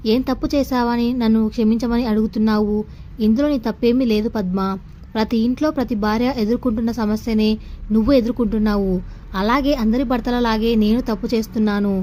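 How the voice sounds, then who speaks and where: Gentle middle-aged husband in a storybook, patient and soothing, explains things slowly; a woman reads him. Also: a little high, slight background noise, natural voice. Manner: soft, consoling and explanatory. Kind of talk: audio story dialogue.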